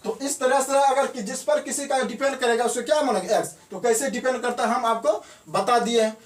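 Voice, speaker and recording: This math teacher has an extremely high-pitched voice and talks fairly quickly, some way off the mic with echo filling the room. In his classroom lesson he asks a question and then answers it himself, over and over, saying the important words twice.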